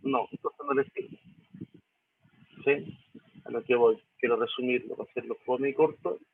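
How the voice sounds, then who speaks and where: A man's voice: mid-range voice, wildly swooping pitch, measured pace, gravelly, breathy edge, no room sound. Chilean man teaching English, tinny audio. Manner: explains step by step, asks "¿sí?" and "¿cierto?" often. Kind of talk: recorded lesson walking through a reading.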